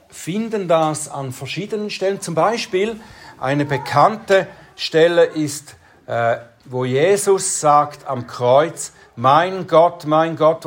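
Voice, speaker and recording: In this expository sermon, the preacher unpacks Bible passages slowly and deliberately, speaking at a medium pitch.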